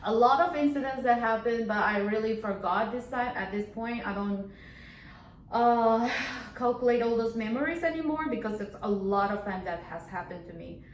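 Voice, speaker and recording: A woman's voice: fairly high pitch, moderate pace. Chatty woman in an echoey room. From Northeast India. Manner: rambling, repeats herself, chatty. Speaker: vlogger. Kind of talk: casual storytelling vlog. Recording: echoey room with faint background hum.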